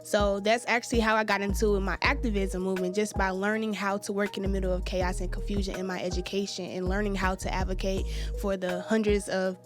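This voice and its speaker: A woman's voice: mid-range voice, level tone, brisk, music in the background. A young woman, a student activist guest, speaking in an earnest, fluent, advocating way. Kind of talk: interview conversation.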